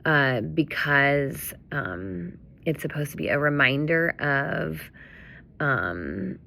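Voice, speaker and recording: A woman's voice: sits low, lively intonation, takes it slowly, creaky, sharp tone. A woman leading a children's ministry, casually walking volunteers through the week's activities with many fillers and self-corrections.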